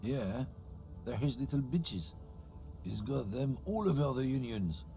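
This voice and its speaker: An actor playing a defiant, thuggish truck driver in a video game, talking in a sneering, combative manner. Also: male voice, mid-range voice, expressive, measured pace, dark tone, soft background music. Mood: defensive. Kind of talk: dramatic video game dialogue.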